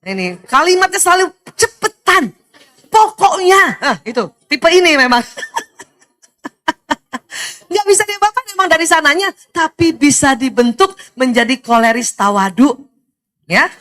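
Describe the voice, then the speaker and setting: A middle-aged woman from Indonesia giving a lively religious talk to women, animated, often laughing and speaking straight to her listeners. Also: high-pitched, measured pace, long pauses. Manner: animated, laughs often, addresses audience directly.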